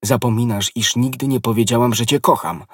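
A man voicing a proud young queen in an audiobook reading, earnest and guarded, with a slightly husky tone. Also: medium pitch, fairly even intonation, no room sound, clean studio sound, lightly acted. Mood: stern. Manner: earnest pleading, quickening when urgent.

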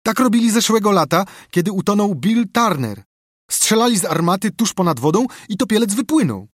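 A man's voice: on the high side, huge pitch swings, quick pace, dry recording, studio quality, voice pushed up. A man voicing a streetwise scruffy boy who speaks bluntly and knowingly, in a storybook reading. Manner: matter-of-fact, knowing.

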